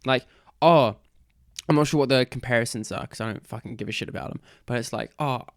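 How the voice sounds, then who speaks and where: A man's voice: medium pitch, fast, vocal fry, dry recording, studio quality. A young man with a New Zealand accent, co-hosting a casual podcast, swearing and joking a lot as he talks. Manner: crude, joking, laughs often. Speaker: podcast co-host. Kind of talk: casual chat.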